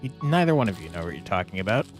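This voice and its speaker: A man with a deep, sing-song voice races through a gameplay video as host, casually musing aloud and reading on-screen text over game music.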